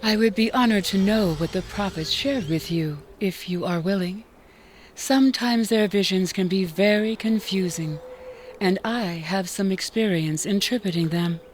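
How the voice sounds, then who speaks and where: A woman voicing a calm, gracious female cleric in a video game, with formal, solemn and even speech. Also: mid-range voice, moderate pace, slight background noise, lightly acted. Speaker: game character.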